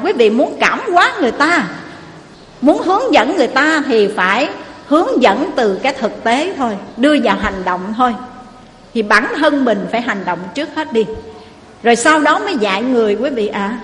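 A woman's voice: a little high, normal speed. Woman telling a moral tale in an echoing hall. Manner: lively storyteller, addresses the audience often. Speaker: preacher. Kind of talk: moral storytelling sermon. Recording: echoey hall, faint noise.

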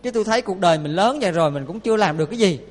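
A woman's voice: fairly low pitch, animated, rapid-fire, big-room sound. A man voicing an older wealthy wife who earnestly pleads with her husband. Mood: pleading. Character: older rich woman, worried wife.

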